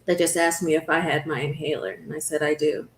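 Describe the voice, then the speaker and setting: A woman who hosts a talk show recounts her own illness, earnest and conversational, slowing down at the difficult moments. Her voice sits low with fairly even intonation, and the sound is roomy with a little hiss or hum.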